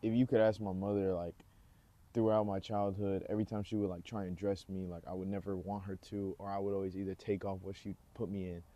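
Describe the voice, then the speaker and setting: Outdoors near falling rain, a young man in his 20s introduces himself for his vlog. He talks fairly quickly in a low voice, relaxed and meandering, dropping in many fillers.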